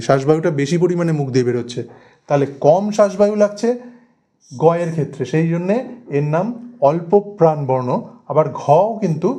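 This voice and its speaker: A man with a fairly high, warm and mellow voice teaches a grammar class. He works at a board, drills the terms by repeating them and stresses each key word. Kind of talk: Bengali grammar lesson at a board.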